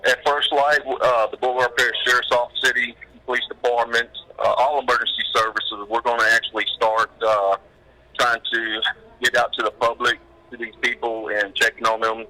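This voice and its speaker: A man, an emergency management director, calls in by phone during a live news broadcast and gives a plain-spoken, halting official update. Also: medium pitch, level tone, bright, forceful tone. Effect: heard over a phone line.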